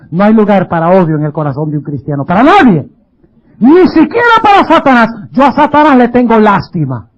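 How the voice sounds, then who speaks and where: A male pastor with a strikingly high voice preaches emphatically, putting rhetorical questions to his congregation. The recording is muffled and lo-fi. His delivery has the steady push of a sermon.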